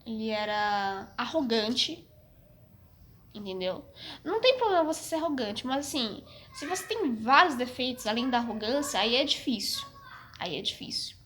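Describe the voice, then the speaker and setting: A young vlogger with a Brazilian Portuguese accent tells a casual personal story to camera, speaking frankly but hesitantly, with many restarts and a slight cough. Her voice is fairly high, expressive, and a bit bright, at a moderate pace.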